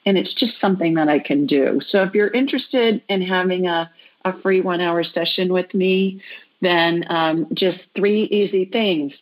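A woman hosting a podcast, chatty and upbeat, taking callers and making quick jokes. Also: fairly low pitch, low-quality recording. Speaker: podcast host. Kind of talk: casual chat.

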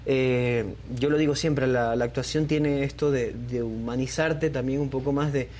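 A man's voice: medium pitch, steady tone, moderate pace, darkish tone, a little hiss or hum. A young man from Ecuador, a singer being interviewed, talking casually with many fillers and restarts. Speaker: guest singer.

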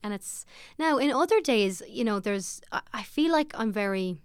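A woman with a west of Ireland accent, chatting casually and informally as an interview guest, telling stories in an animated way. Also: fairly high pitch, moderate pace, clear, resonant tone, dry recording. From Sligo, west of Ireland. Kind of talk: casual chat.

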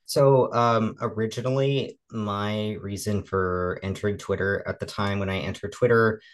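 This is a twenties-aged woman, relatively deep-voiced, talking informally as a guest in an interview. Her tone stays steady at a moderate pace, and she performs the lines she quotes, full of fillers and false starts.

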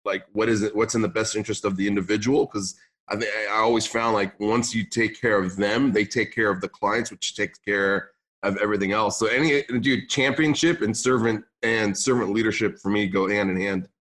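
A man's voice: lowish voice, steady tone, brisk, fairly bright tone. A young man from Lebanon raised in California, speaking English as a second language, chatting casually as a podcast guest. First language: not English. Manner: casual, says "man" often, restarts sentences. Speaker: podcast guest, gym business owner. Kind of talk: casual interview chat.

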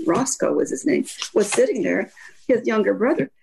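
A woman's voice: on the high side, animated, moderate pace, gravelly, a little mellow, slight background noise, poor audio. An older woman with a slight Kentucky accent, telling anecdotes in a reflective, rambling way as an interview guest. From Kentucky, Appalachia. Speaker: interview guest, author and academic.

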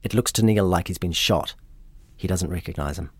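A man, hosting and narrating a true-crime story in a measured, matter-of-fact way. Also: deep voice, husky, dry recording. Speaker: podcast host.

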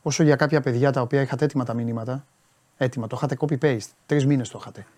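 A man's voice: mid-range voice, steady tone, darkish tone. A man talking football on a live stream, animatedly answering and scolding viewers' messages.

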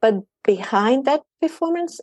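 Female panelist, high mellow voice, deliberate phrasing, dry. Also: lively intonation, no room sound. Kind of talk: panel discussion.

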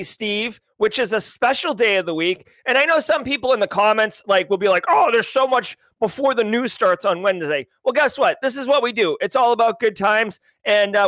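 A man hosting a daily livestream, talking casually and energetically to his chat with slang and shout-outs. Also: high voice, no echo. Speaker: host.

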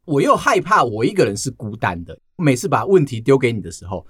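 Lively man telling stories. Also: mid-range voice, a little fast, breathy edge, no echo, studio quality. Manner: storytelling, animated. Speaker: podcast co-host. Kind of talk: casual chat.

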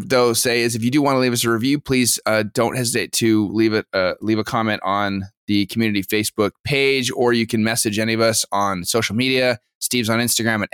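Low-voiced podcast host. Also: male voice, a bit bright, clean tone, dry recording, studio quality. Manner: brisk announcements, then questions to his co-host. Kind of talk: casual podcast discussion.

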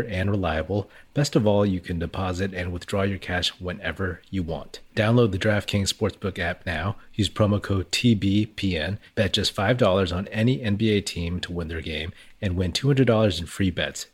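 A man reading a fast, clipped legal disclaimer at the end of a podcast sponsor ad. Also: low voice, breathy edge.

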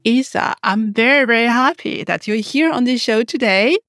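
A woman's voice: fairly high pitch, moderate pace, fairly bright tone, faint music behind. A woman hosting a business podcast, reading a scripted welcome and then asking her guest conversational questions. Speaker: podcast host. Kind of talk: podcast interview.

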